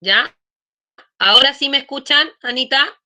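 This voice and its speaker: A woman's voice: high-pitched, a little slow, pushed and bright. A woman teaching an online class, explaining patiently and checking in with frequent questions. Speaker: schoolteacher.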